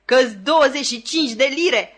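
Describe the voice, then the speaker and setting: A woman voicing a simple, gentle working man who talks slowly and hesitantly. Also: mid-range voice, natural voice. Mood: slow earnest.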